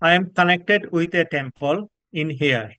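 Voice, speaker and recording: A man's voice: a little high, a little slow, bright, forceful tone, dry recording. A man from Bangladesh introducing himself as a student on a video call, polite and deferential. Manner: polite, deferential, addresses the monk often.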